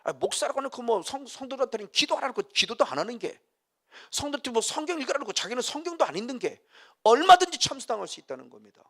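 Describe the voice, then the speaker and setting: A man's voice: very high-pitched, sing-song, quick pace, fairly bright tone. A middle-aged man preaching a sermon as a pastor, vividly acting out scenes and reading scripture aloud.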